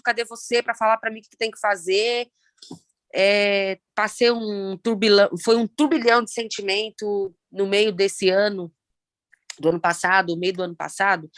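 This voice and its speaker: A Brazilian woman in her thirties with a Brazilian Portuguese accent, telling her own story of loss in a halting, reflective way with many pauses and fillers. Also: mid-range voice, no room sound. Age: 30s. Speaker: guest sharing personal story. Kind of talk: emotional personal testimony.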